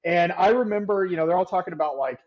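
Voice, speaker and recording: A man's voice: sits high, fast talker, muffled recording. Chatty man with a faded Southern accent. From Savannah, Georgia. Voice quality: chatty, laughs often, filler-heavy storytelling. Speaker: podcast guest, real estate investor. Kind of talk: casual interview chat.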